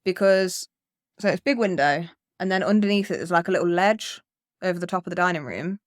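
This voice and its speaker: A woman's voice: on the low side, a little fast, dry recording, clean studio sound. Young woman telling a rambling story. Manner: rambling, swears freely, tells the story with reported speech. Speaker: podcast co-host. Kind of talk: casual storytelling.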